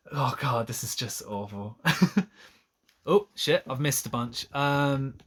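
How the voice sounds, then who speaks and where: A man's voice: mid-range voice, slow pace, a bit bright. A man reading a novel aloud on a live stream, breaking off to mock the text with sarcastic asides and frequent laughter.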